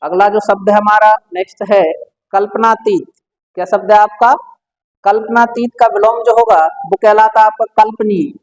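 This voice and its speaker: Guy with a high voice running an exam prep word lesson, keeps asking and answering himself, sound kinda dull and muffled. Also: steady tone, moderate pace. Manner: quizzing the listener with repeated questions. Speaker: teacher.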